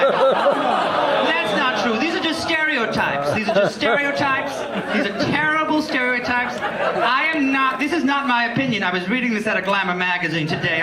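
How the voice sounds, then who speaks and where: Campy high-pitched drag queen over loud crowd. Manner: campy drag queen delivery, theatrical and bawdy. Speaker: drag queen comedian hosting a live show. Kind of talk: live stand-up crowd work. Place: live comedy show with audience. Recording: echoey live venue, distant, loud audience laughter.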